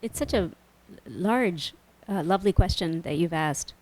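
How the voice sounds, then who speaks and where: A woman on a panel at a book launch, answering an audience question in a reflective, measured way. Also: on the low side, animated, a little mellow. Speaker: author on a panel.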